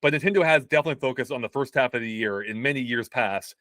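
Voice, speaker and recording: In a mid-range, somewhat bright voice with no echo, a man guests on a casual video game chat show. Quick and explanatory, he gets release dates exactly right as he walks through the history.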